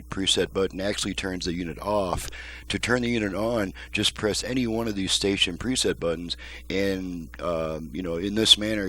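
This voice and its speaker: A radio repair technician who hosts videos gives a casual hands-on demonstration in a lowish, slightly bright voice. He explains methodically and plainly, step by step.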